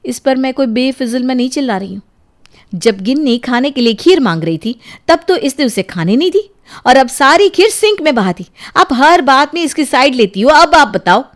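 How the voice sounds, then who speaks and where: A woman voicing a strict, exasperated mother in a cartoon storybook, scolding in a shrill tone. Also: animated, normal speed.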